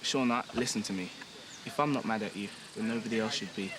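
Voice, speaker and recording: A man's voice: lowish voice, quick pace, natural voice. An actor playing a wry, laconic young man. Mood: wry, reassuring. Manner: laconic, joking. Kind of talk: TV drama acting. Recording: outdoor noise behind the voice.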